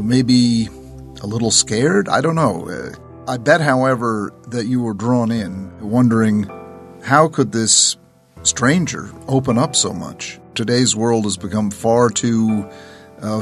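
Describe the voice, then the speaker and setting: A man hosting a podcast, wrapping up a guest's story with reflective commentary that rushes through some phrases. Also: mid-range voice. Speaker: podcast host. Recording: faint music behind.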